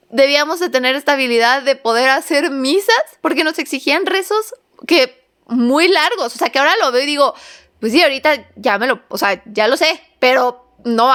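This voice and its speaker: A young woman recounts a story from her own childhood. Her voice sits high, and she tells it with animation, acting out the voices of the people in it. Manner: animated, acts out voices, laughs often. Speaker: vlogger. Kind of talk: personal storytelling.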